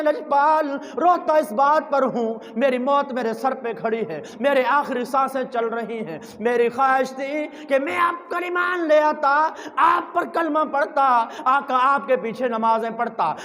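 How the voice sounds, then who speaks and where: A man preaching a sermon with passion, his voice climbing into shouts and chanted lines. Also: very high-pitched. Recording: long hall reverb.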